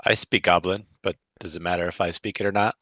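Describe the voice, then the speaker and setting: A man's voice: deep voice, steady tone, fast, fairly bright tone, dry recording. A man talking casually as a player in a tabletop game. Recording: dull lo-fi audio.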